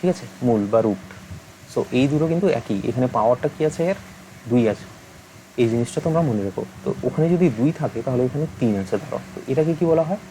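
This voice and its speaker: A young man teaching an online maths lesson, patient and steady, checking in with the listener again and again. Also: medium pitch, a little fast, a little hiss or hum, rough recording. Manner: patient, asks many check-in questions.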